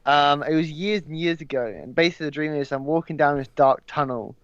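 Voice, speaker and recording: A man's voice: a little high, fairly quick, a bit bright, clean tone, dry recording, highs cut off. A young man, a podcast guest, talking casually with lots of ums and the odd swear word.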